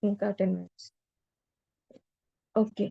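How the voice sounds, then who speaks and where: A woman's voice: mid-range voice, little pitch movement, a little slow, gravelly, slightly rough, no echo, muffled recording. A woman teacher reads a story aloud, then retells and explains each passage in casual talk. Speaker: spiritual teacher.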